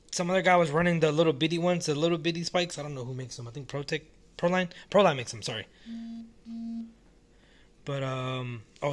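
At home in a small room, a man with a fairly high voice films his hobby model car one-handed and talks about it. It's a casual, off-the-cuff vlog, relaxed and rambling, and he keeps restarting his sentences.

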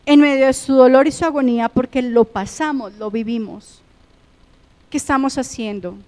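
Colombian woman pastor, high voice, impassioned sermon, loud-to-hushed swings. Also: normal speed, big-room sound. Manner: impassioned, swinging between loud emphatic phrases and hushed ones.

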